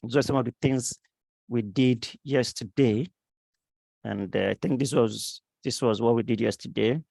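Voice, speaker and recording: A man teaching a live online coding class with a sore throat, talking slowly with many pauses and fillers. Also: medium pitch, vocal fry, a little mellow, no echo. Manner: slow, halting, many fillers. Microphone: computer mic on a video call.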